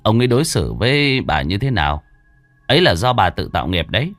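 A man voicing a blunt, coarse middle-aged exorcist who talks in quick, brusque retorts. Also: lowish voice, big pitch swings, fairly bright tone, no echo, faint music behind. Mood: scornful.

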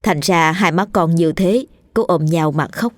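Woman telling a ghost story, low voice. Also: measured pace. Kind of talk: scripted ghost story narration. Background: faint music.

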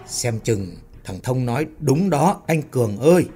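A man's voice: medium pitch, animated, a little slow, mellow, faint music behind, close to an everyday voice. A man voicing a timid young male worker who is easily frightened and full of questions. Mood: nervous. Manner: nervous, questioning.

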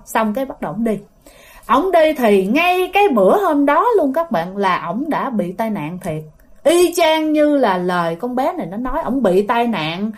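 A woman with a Southern Vietnamese accent telling a ghost story in a chatty way, talking straight to her listeners. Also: on the high side. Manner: chatty, addresses listeners directly.

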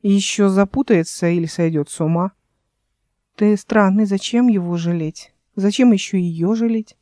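A woman voices a cunning, sarcastic immortal man in a fantasy audiobook, using a sly tone. Her mid-range voice is warm and close to an everyday one, at normal speed, with clean studio sound and no room sound.

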